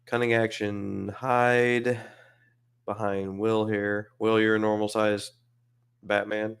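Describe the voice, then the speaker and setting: A man's voice: on the low side, flat delivery, takes it slowly, clean tone. A man playing a tabletop game online, laid back, working out his moves aloud. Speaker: player. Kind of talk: casual chat during a tabletop game.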